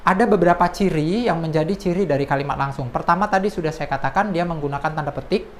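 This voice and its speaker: Low-voiced woman teaching a lesson. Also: quick pace, slight background noise. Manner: explanatory, reads example quotes in a raised voice. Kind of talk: classroom lesson.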